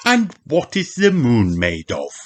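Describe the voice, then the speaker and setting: A man plays a storybook rabbit who guides tours. He is serious and instructive, with very lively pitch and a measured pace, over faint noise. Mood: announcing.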